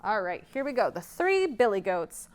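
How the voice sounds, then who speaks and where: Speaking at a normal speed in a very animated, mid-range voice, a woman leads a children's storytime. As the librarian host, she tells stories interactively and prompts the kids along with questions.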